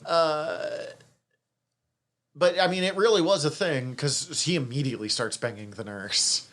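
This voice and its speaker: A man's voice: fairly high pitch, measured pace, a bit bright. A man co-hosting a podcast, chatting casually about a TV series, swearing freely and laughing often. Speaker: podcast co-host. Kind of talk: casual review chat.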